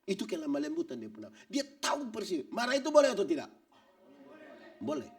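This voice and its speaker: A man preaching a church sermon, animated and joking, acting out little scenes. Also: high voice, brisk, far from the mic. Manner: animated preaching with acted-out quotes and jokes. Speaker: pastor.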